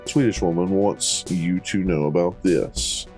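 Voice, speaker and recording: Deep mellow man voicing game dialogue. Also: unhurried, faint music behind. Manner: reads every character's lines with playful voices and casual asides. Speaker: let's play host. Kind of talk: reading game dialogue aloud while playing.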